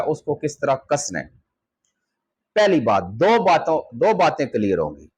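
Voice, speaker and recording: A man speaks in a casual, conversational way to his viewers. His voice sits somewhat higher than most men's. He explains things patiently and keeps checking that his listeners are following. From Pakistan. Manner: conversational, explaining step by step with frequent check-ins. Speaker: host of a poultry channel. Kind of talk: casual talk to camera.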